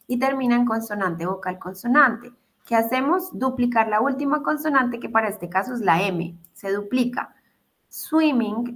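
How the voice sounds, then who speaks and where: A woman's voice: a little high, sharp tone. A woman teaching English grammar in an online class, explaining patiently, repeating each step and checking in with her students. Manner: patient, repeats steps, asks "¿listo?" to check.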